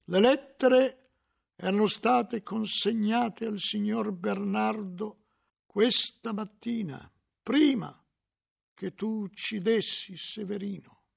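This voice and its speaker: A man voicing a cold, secretive monk librarian who speaks very slowly. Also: high voice, vocal fry, slightly rough, pitched above the performer's own voice, exaggerated voice. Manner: very slow, drawn-out, hushed.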